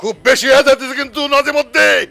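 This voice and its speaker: A man playing a stern father who is a live-in son-in-law, gruff and commanding. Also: extremely high pitch, quick pace, pushed and bright, exaggerated voice. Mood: angry. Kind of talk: comedy skit acting.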